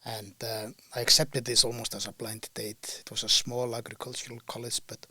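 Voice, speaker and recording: This older ecologist with an Icelandic accent is a podcast guest, reflecting on his career in relaxed interview talk. His mid-range voice is sharp and level at a moderate pace, with no room sound. He's thoughtful but hesitant, using many fillers and restarts.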